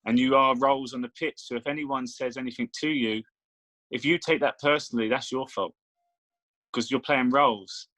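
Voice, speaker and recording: A man's voice: medium pitch, steady tone, moderate pace, a bit bright, no echo, rough recording. A man, a meditation coach, explaining his ideas persuasively in casual conversation. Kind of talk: casual chat.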